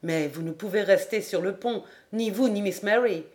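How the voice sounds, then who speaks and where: A man's voice: high-pitched, moderate pace, lightly acted. A woman reading the part of a firm, commanding young male ship captain in an audiobook.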